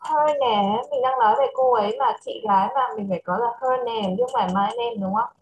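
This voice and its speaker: A woman with a Vietnamese accent teaching English to a child over a video call, switching between English and Vietnamese and reading English phrases slowly. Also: on the high side, a little hiss or hum, low-quality recording. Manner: mixes English and Vietnamese, slow careful English. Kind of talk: online English lesson for a child.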